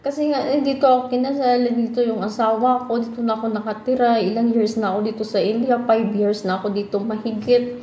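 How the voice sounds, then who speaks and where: A woman's voice: a little high, fairly even intonation, fairly quick, mellow, a little hiss or hum. Chatty Filipino woman vlogging in an echoey room. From Philippines. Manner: chatty, calls out to viewers often, mixes in English. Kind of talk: casual chat to camera. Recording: echoey room with faint ambience.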